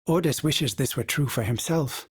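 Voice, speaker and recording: A performer voices a polite, fussy male starship AI who refers to himself in the third person, heard through a glitchy synthetic filter. The game voice lines come at normal speed with a breathy edge, courteous and dryly witty, wistful in tone with sudden pitch jumps. There's no room sound.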